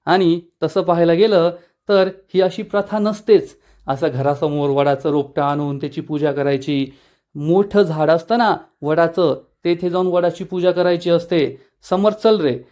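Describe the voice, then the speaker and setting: A man voicing a proud elder daughter-in-law, defiant, indignant, raised pitch. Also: a little mellow, close to an everyday voice.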